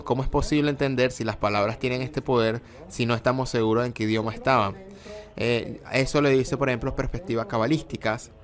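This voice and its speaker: A man's voice: medium pitch, fairly bright tone. A man giving a lecture, explaining terms step by step and often correcting himself mid-sentence.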